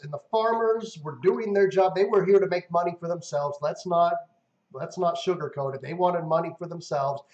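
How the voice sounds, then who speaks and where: Man, high voice, chatty live-stream host, rambling with fillers, roomy dull audio. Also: darkish tone. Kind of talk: casual gaming chat.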